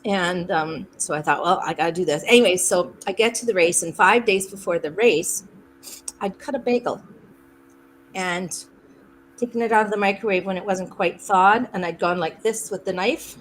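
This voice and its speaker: A woman's voice: lowish voice, normal speed, slight background noise, poor audio. Chatty woman from Saskatchewan, laughing storyteller. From Saskatchewan, Canada. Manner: animated, laughing often, acts out quotes. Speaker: podcast guest. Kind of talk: storytelling in a conversation.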